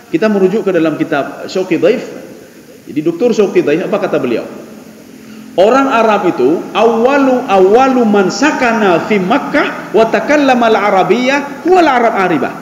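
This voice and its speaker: A man teaches a mosque congregation, often putting rhetorical questions to them. His voice sits high, and long reverb from the big hall trails each phrase. Faint ambient noise lies underneath. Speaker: religious teacher. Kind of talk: mosque lecture.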